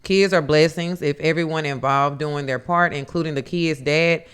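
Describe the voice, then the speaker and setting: A man with a smooth, resonant voice sitting slightly high in his range. He co-hosts a laid-back podcast and reads viewer comments out in a steady, matter-of-fact way. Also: moderate pace. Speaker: podcast co-host. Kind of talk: casual chat, reading viewer comments aloud.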